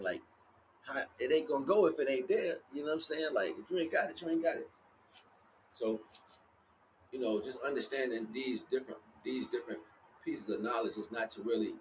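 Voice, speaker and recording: Speaking at a medium pitch, a man hosts an outdoor livestream with a casual, wandering spiritual talk. He keeps repeating himself and checking that people are following. The audio is poor, with a little hiss or hum.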